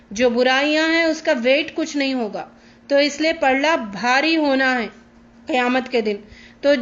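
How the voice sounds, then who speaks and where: A woman giving a Quran lesson, explaining each verse line by line and acting out the pleas and replies she describes. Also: high voice. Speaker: Quran teacher. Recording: dull lo-fi recording.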